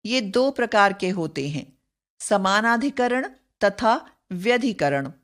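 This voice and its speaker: A woman narrating a scripted grammar lesson, slow and measured, who gives the example sentences exaggerated expression. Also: medium pitch, fairly bright tone. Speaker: grammar teacher.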